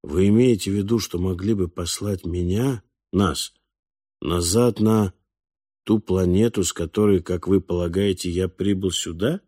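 A man voicing a bewildered adult man who questions sharply and angers quickly. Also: deep voice, steady tone, dark tone, dry recording, studio quality. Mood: incredulous. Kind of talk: audiobook character voice.

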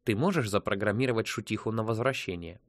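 A man's voice: on the low side, quick pace, dry recording, clean studio sound, lightly acted. A man voicing a wounded, desperate male space pilot who gives urgent, commanding orders. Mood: pressing.

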